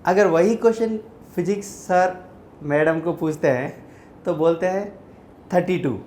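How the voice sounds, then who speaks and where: A man's voice: high-pitched, a little slow, darkish tone, slight background noise. A male math teacher telling a joke about subject teachers in a humorous way, mixing Hindi and English. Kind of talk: joking anecdote. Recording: roomy echo.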